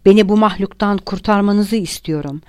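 Woman voicing pompous older man, indignant, preachy, loud, audiobook, dry sound. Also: mid-range voice, normal speed, smooth, no echo, natural voice. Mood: outraged.

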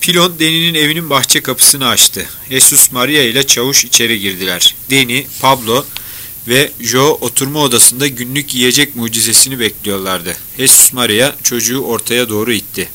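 A man reading a novel aloud in a measured storytelling manner. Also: mid-range voice, pushed and bright. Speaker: audiobook narrator. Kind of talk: scripted novel narration.

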